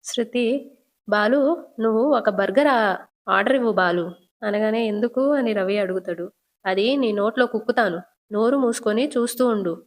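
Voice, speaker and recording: A woman's voice: medium pitch, moderate pace, long pauses. A woman with a Telugu accent recapping a TV serial episode, telling the scenes and lightly voicing the characters' quoted lines.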